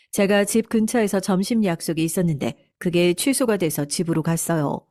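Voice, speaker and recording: A woman's voice: on the low side, a little mellow, dry recording, studio quality. A woman narrating a first-person family story in a confiding, indignant tone.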